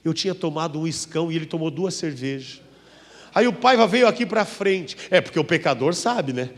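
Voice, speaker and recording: A Brazilian man, a pastor, preaching a dramatic testimony sermon, acting out voices and swinging from hushed to loud. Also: on the high side, animated, fairly quick, long reverb tail. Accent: Brazilian Portuguese. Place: church.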